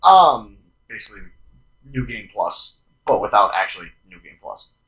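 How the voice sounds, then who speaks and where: Lively, bright-toned young man chatting. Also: fairly low pitch, moderate pace, poor audio. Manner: animated, hesitant with restarts. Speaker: podcast co-host. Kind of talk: casual chat.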